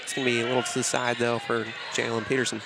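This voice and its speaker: Guy doing play by play at a school basketball game, pretty monotone, loud gym noise and balls bouncing all over. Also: medium pitch, vocal fry. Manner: brisk, steady, repeats "it's gonna be". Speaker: play-by-play announcer. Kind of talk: live basketball commentary. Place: school gymnasium during a game.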